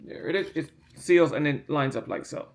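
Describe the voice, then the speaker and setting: Fairly high and gravelly, his voice moves at a moderate pace as he handles a printer part and explains it. The hobbyist's hands-on demo is casual and rambling, full of repetition and emphasis on the main points, and he keeps yawning because of medication.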